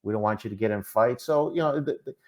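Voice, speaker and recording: Talking fast in a mid-range, slightly mellow voice, a Minnesotan man appears as a podcast guest. His casual interview speech, in a Minnesotan accent, is hesitant and packed with fillers and restarts.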